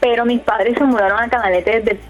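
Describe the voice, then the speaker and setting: On muffled radio audio with faint background music, a young woman in her 20s, a youth council leader from Colombia's Córdoba department, speaks as a guest. Her voice is fairly high and quick with fairly even intonation, and her answers are casual and hesitant, packed with fillers and restarts.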